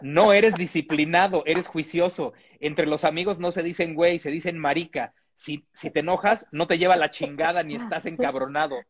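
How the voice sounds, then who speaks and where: A man's voice: fairly high pitch, steady tone, normal speed, few pauses, husky, muffled recording. A man from Mexico, reading a humorous text aloud with comic asides and chuckles.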